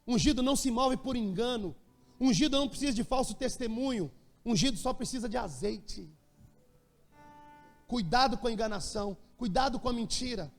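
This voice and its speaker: Very high-pitched Brazilian preacher in a reverberant church. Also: male voice, moderate pace, soft background music. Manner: animated preaching, humorous storytelling. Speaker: pastor. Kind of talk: sermon. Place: church hall. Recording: long church-hall reverb.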